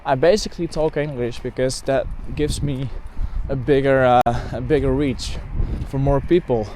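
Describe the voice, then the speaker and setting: Walking outdoors in open countryside, a rambling Dutch bird photographer vlogger from the Netherlands talks casually, self-correcting and using lots of "like" and "um." His mellow, medium-pitched voice is fairly even at a moderate pace, on a low-quality recording with slight hiss or hum, faint ambience and passing cars.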